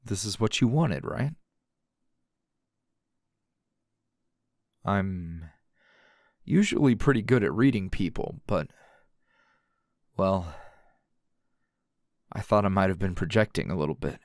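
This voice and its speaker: In an intimate ASMR roleplay, a man voices a calm, dry, teasing hero who is also a coworker, speaking in a low-key, halting, conversational manner. The recording is dry.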